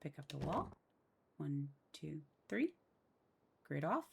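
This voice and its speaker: A woman's voice: deep voice, sing-song, slow, vocal fry, husky. A woman giving a casual step-by-step voice-over for a building tutorial, counting each step aloud under her breath. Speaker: game building tutorial host. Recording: loud mouse and keyboard clicks.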